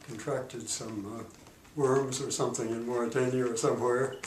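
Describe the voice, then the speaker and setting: Heard from some distance in an echoey room with faint hiss, a retired diplomat in his eighties gives an oral history interview about his earlier life. His pitch is typical for a man, and his calm delivery is halting, with many pauses and fillers as he searches for words.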